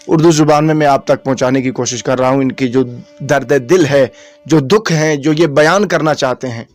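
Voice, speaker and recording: A man hosting a field report, narrating solemnly in formal speech and appealing to viewers. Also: medium pitch. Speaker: reporter host.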